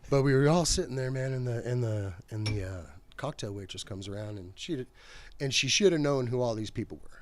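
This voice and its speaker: A man's voice: mid-range voice, fairly quick, few pauses, a little hiss or hum. A middle-aged man telling a rambling backstage story as a podcast guest, slangy and laughing often. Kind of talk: casual storytelling chat.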